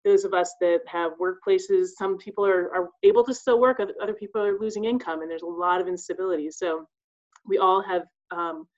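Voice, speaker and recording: A woman who works as a school social worker appears as a guest on a casual podcast interview, earnestly explaining her job with some fillers. Her voice sits on the low side, and the audio is dull.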